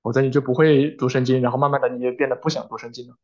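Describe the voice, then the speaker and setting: Fast-talking male sermon interpreter. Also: medium pitch, flat delivery, a little mellow, muffled recording. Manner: quick, with fillers and self-corrections.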